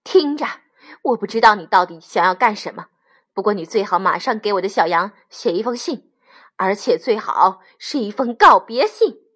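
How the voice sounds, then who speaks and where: A woman's voice: mid-range voice, lively intonation, moderate pace, a bit bright. A woman voicing a fierce, protective mother sheep in a storybook read-aloud, insistent and indignant. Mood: demanding.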